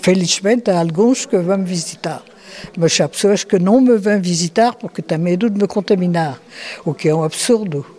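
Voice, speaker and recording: Very old woman, slow and reflective. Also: fairly low pitch, warm tone. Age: 90s. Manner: slow, thoughtful, with hesitations and restarts. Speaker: interviewee. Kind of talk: reflective interview answers.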